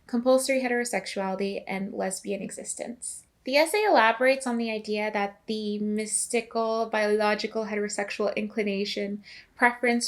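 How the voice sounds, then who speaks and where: A young woman narrating a video essay in a casual, chatty way, with asides to the viewer. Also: mid-range voice.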